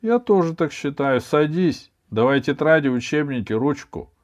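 A man's voice: a little high, animated, moderate pace, voice pushed up, lightly acted. A man reading a storybook, voicing a strict, commanding schoolgirl who bosses a classmate around. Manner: stern, commanding. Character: stern bossy schoolgirl, strict and threatening.

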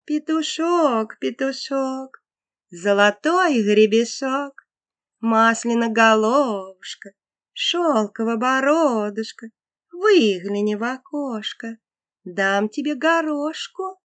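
A woman voicing a sly female fox in a folk tale, coaxing with a drawn-out sing-song chant. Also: high-pitched, animated, dry recording, pitched above the performer's own voice.

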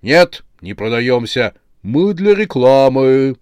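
A clamoring chorus of greedy living heads that bark out slogans at high volume, as a male narrator puts them on. Dry, close storybook recording. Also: sing-song, slow pace, clear, resonant tone, no room sound. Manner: loud chanting, shouted slogans.

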